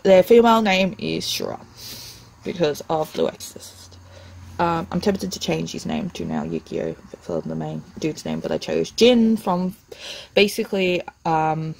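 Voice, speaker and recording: A young woman, chatting casually and excitedly, ranting a little and swearing now and then. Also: lowish voice, gravelly, rough recording. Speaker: vlogger. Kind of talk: casual chat.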